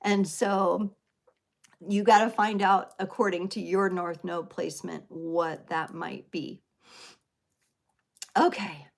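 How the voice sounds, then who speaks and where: A woman's voice: lowish voice, fairly even intonation, slow, creaky, pauses often. Earnest woman tarot reader talking live. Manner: earnest, emotional, rambling with fillers and "right?". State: teary, sniffling. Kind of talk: live stream spiritual talk.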